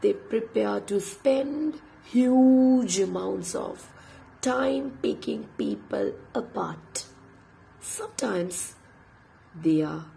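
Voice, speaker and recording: An English teacher whose first language is Tamil, her throat sore and voice almost lost, half-whispers breathily as she reads from a book late at night. Her pitch is medium, and the audio is poor.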